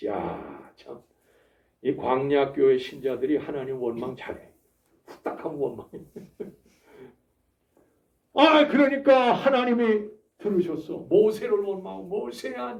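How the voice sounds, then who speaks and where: A male pastor giving a sermon in a lively, emphatic way, full of rhetorical questions and exclamations, recorded from a distance in a church. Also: sits high, echoey room. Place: church sanctuary.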